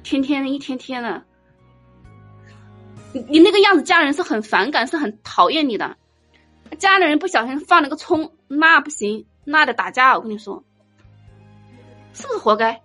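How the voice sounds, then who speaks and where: High-pitched woman teacher, blunt and teasy, faint music behind. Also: moderate pace, pauses often. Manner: blunt, teasing, animated storytelling. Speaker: Buddhist teacher. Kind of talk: informal dharma talk.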